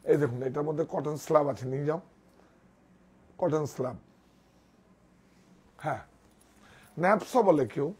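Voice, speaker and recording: A man presenting sarees in a live sales pitch, enthusiastic, repeating praise and directing the models. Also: measured pace, long pauses, darkish tone, husky. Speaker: saree seller presenting products.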